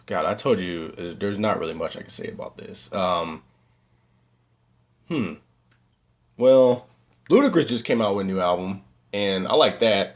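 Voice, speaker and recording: A man chatting casually on his vlog, slightly winded, rambling and then breaking into animated rants. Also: fairly low pitch. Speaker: vlogger.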